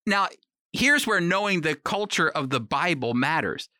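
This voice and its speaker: Speaking a little slowly, this man's fairly high, sharp voice has lively intonation as he gives a conversational teaching sermon prepared for radio. He talks straight to the listener with emphasis and rhetorical questions, and the studio-quality audio has no room sound.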